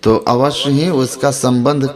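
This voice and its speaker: A man who is a spiritual teacher, answering questions in a measured, explanatory way. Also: medium pitch, level tone, crowd noise. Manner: measured, explanatory, drawn-out phrases. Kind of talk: spiritual discourse, explaining calmly.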